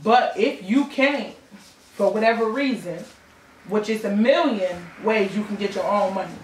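A woman's voice: mid-range voice, moderate pace, a little hiss or hum. Blunt woman on a panel show. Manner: blunt, outspoken. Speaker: podcast co-host. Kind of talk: casual panel banter. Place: studio with panel table. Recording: echoey room, distant mic.

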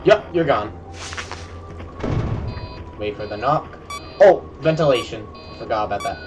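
A man's voice: mid-range voice, animated, measured pace. A young man giving casual, chatty gameplay commentary to his viewers as a game streamer, with boastful banter. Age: young adult. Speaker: gaming streamer. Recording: distant mic under loud game music. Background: loud game music.

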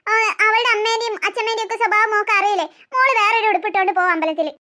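A doting cartoon mother, voiced by a woman, fussing, coaxing and gently scolding. The voice is pitched high and bright for a mother. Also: rapid-fire. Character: fussing, soothing middle-aged mother. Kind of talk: cartoon story voice acting.

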